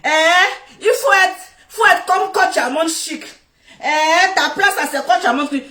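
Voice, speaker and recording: A middle-aged woman with a West African French accent, loud and laughing as she scolds her viewers on a Facebook live. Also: very high-pitched, measured pace, distant mic. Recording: echoey room, off-mic.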